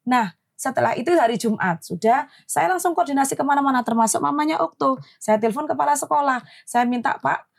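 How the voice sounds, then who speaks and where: Mother as podcast guest, high-pitched, indignant retelling, emotional storytelling. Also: animated, quick pace, gravelly.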